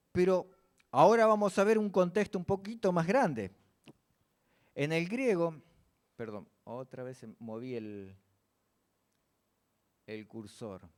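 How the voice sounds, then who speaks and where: Questioning Argentine preacher, fairly high voice. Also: male voice, darkish tone. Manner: asks the congregation questions and answers them. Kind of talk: church sermon with slides.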